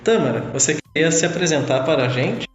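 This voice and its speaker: A man's voice: on the high side, expressive, fast. A young man hosting a podcast, opening the show and asking hesitant questions full of fillers. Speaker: podcast host. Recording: echoey long-reverb lo-fi room with faint music.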